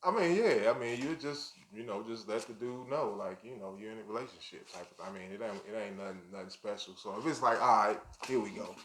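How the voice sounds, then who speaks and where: A man's voice: fairly low pitch, quick pace, hardly any pauses, echoey room, a little hiss or hum. A man co-hosting a podcast, talking in a loose, rambling casual way full of slang and "you know". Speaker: podcast co-host. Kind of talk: casual conversational chat.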